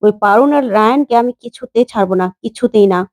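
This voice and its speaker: A woman's voice: fairly high pitch, quick pace, no echo, lightly acted. Woman voicing Sanjukta, a taunting rich villainess. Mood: scheming. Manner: taunting, raised and sharp.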